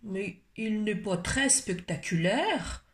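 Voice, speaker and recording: A woman's voice: medium pitch, lively intonation, slow pace. A woman voicing a grumpy, sulky little girl in a storybook reading, whiny and grumbling.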